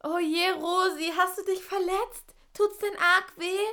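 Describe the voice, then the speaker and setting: A woman voicing a busy, caring kindergarten teacher in a children's audio drama, brisk and practical. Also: extremely high pitch, fairly even intonation, noisy background.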